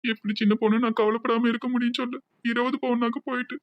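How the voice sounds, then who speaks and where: A tearful, anxious young village man with a Tirunelveli accent, as a man acts him out in a cartoon. He talks quickly in a high voice and keeps pleading. The sound is dull and dry. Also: little pitch movement. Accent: Tirunelveli Tamil.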